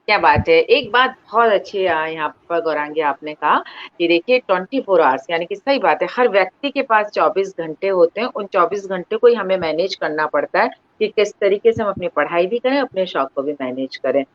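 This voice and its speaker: A woman's voice: fairly low pitch, expressive, fairly quick, muffled recording. A woman hosting an online interview, formal and encouraging, often stopping to praise her guest. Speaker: interview host.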